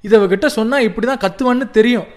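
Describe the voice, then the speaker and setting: A man's voice: sits high, fast, lightly acted. A man playing a husband who is quitting drink and pleads that he is telling the truth, in a radio drama. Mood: defensive. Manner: defensive, pleading.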